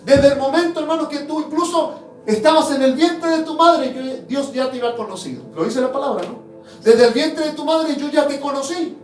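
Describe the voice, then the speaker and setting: Male apostle, high-voiced fervent sermon; distant mic in a reverberant church, soft music under. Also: moderate pace. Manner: fervent, addresses congregation as brothers, swings from loud to hushed. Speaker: apostle preaching. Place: church hall.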